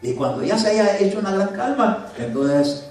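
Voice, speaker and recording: A male pastor preaching a conversational sermon in a church, swinging from loud commands to soft asides. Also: high-pitched, sing-song, moderate pace. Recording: very echoey church hall from a distance.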